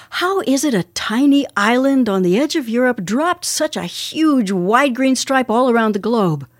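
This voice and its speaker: A woman's voice: a little high, no room sound. Woman interview host with a dry, close sound. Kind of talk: scripted introduction and conversational interviewing.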